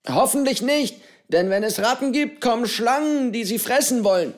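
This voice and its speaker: A man's voice: extremely high pitch, animated, normal speed, voice pushed up. A male narrator voicing a jolly, eccentric old pirate who cooks on an island, speaking with a hearty manner. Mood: jovial.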